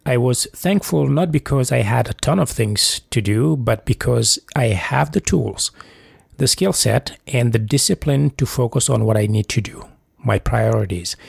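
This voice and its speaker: Male podcast host, motivational interview style, heavily creaky voice, close dry sound. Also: mid-range voice, darkish tone, no room sound. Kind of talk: measured motivational podcast hosting.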